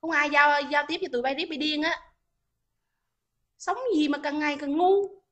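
A woman's voice: sits high, moderate pace, a bit bright. A woman on a phone livestream, scolding and taunting commenters in a heated argument. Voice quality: scolding, taunting, repeats questions. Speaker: livestream host.

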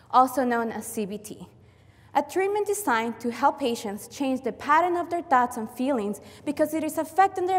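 Young woman speaking in a reverberant hall. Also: a little high. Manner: steady, rehearsed delivery. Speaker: competition speaker. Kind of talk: prepared talk. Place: lecture hall. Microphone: lapel.

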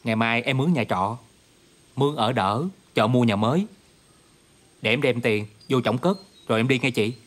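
An actor playing a caring, practical younger brother who speaks earnestly, with a Southern Vietnamese accent. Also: male voice, mid-range voice, normal speed, natural voice. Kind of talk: TV drama acting.

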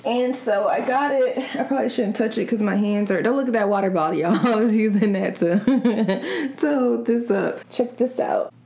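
A woman's voice: on the high side, moderate pace, vocal fry, a crowd in the background. A young woman from Kansas City vlogging to camera in casual, rambling, slangy chat. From Kansas City, Missouri side. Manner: chatty and rambling, slangy, restarts often. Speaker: mukbang vlogger.

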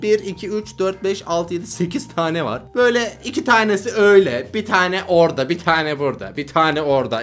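A man's voice: high-pitched, fairly bright tone. A young man giving casual reaction commentary on videos, exasperated and laughing often.

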